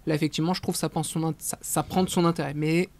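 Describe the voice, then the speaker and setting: A young adult man speaking as a guest on a casual roundtable podcast, measured and a bit wry. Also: on the high side, little pitch movement, a little mellow.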